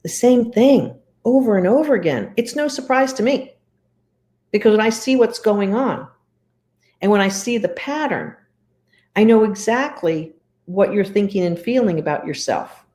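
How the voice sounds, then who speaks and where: A woman's voice: mid-range voice, expressive, moderate pace, dark tone. A middle-aged woman coaching viewers in a direct, emphatic talk that repeats points for emphasis. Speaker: leadership coach.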